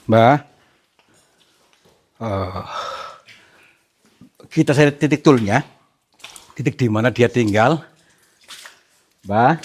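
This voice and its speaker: A man hosting a ghost-hunting vlog who politely coaxes and soothes unseen spirits, often hushed. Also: medium pitch, extremely slow, pauses often, breathy edge. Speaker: paranormal explorer host.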